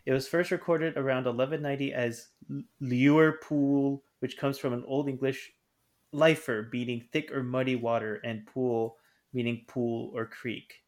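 A man's voice: medium pitch, steady tone, normal speed. A man co-hosting a podcast in casual chat, reading out facts and giggling often. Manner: chatty, giggly, reads out facts. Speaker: podcast co-host.

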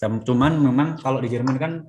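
A man's voice: medium pitch, fairly quick, a little mellow. A man teaching a German class, patiently prompting students to say words back. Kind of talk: classroom language lesson.

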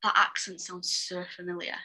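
A young woman from England co-hosting a podcast with her partner, chatting casually with blunt, quick remarks. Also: lowish voice, flat delivery, bright, forceful tone. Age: young adult. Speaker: podcast co-host. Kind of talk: casual couple chat.

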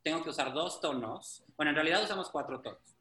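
A man's voice: a little high, quick pace, sharp tone, echoey room. A man, a drag performer chatting casually, meandering with frequent restarts. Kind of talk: casual chat.

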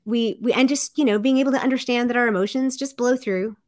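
Middle-aged woman, earnest guest, lively quoting, dry close recording. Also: fast, dry recording. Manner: earnest, animated, acts out quotes with big pitch jumps. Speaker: podcast guest, life coach. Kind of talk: casual interview chat.

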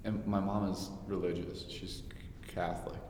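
A man's voice: low voice, little pitch movement, normal speed, darkish tone. A young man co-hosting a casual, candid chat in a very echoey, hard-walled room. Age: young adult. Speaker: podcast co-host. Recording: very echoey room, faint noise.

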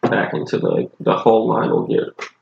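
Man, Southern accent, groggy, low-pitched, rambling casual chat, muffled audio. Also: huge pitch swings, normal speed, vocal fry, darkish tone, echoey room. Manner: rambling, loose, swears casually. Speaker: podcast co-host, bartender.

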